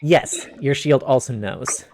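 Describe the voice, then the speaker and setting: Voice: mid-range voice, slow pace, background noise. Game master narrating with fillers. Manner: narrates with frequent fillers, calls for rolls.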